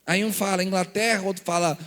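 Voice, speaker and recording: A man's voice: high voice, steady tone, fast talker, fairly bright tone, in a large hall. A man with a Brazilian Portuguese accent, a pastor teaching a church seminar, telling stories and acting out the dialogues with rhetorical questions. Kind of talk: lively church seminar talk.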